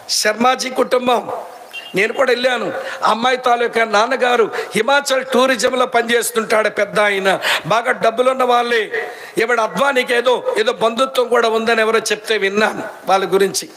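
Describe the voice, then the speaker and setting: Male preacher, Srikakulam Telugu accent, very high voice, lively storyteller who mocks and scolds. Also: slight background noise. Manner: animated storytelling, acting out quoted women; scolding, mocking, emphatic. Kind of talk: sermon.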